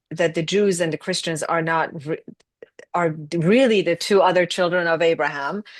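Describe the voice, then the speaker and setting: Lady on a panel, lowish voice, dry sound, calm and thoughtful, asking questions. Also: no room sound. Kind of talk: panel discussion.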